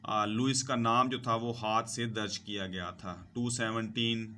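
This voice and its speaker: A man's voice: lowish voice, steady tone, a little slow, sharp tone, a little hiss or hum. A male English teacher, talking over slides and listing word meanings and synonyms one by one. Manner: lists synonyms one by one, repeats "ठीक है जी". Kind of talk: slow vocabulary lesson over slides.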